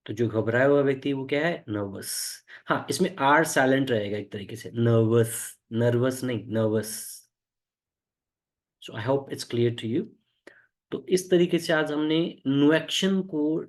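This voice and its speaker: Man teaching English with slow repetition. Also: mid-range voice, a little mellow. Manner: explains with everyday stories, repeats words slowly. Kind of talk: spoken English lesson.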